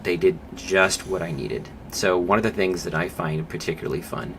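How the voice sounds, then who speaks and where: A man speaking as a psychologist guest on a podcast interview, thoughtful and measured, with pauses and fillers. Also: deep voice. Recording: clear background noise.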